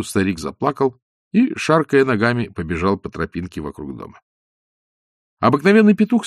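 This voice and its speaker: A man narrating an audiobook in an expressive, lightly ironic storytelling manner. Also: fairly low pitch, dry recording, studio quality. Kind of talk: scripted narration.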